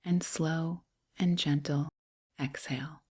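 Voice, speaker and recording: A low, steady, breathy voice, hushed almost to a whisper, belongs to a woman gently guiding a meditation. Her phrases are short, soothing and unhurried.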